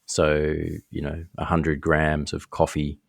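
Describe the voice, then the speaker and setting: A man, an economist explaining things in a relaxed, casual podcast chat. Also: very deep voice, slow, dry recording, studio quality. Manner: explanatory and relaxed, with many fillers.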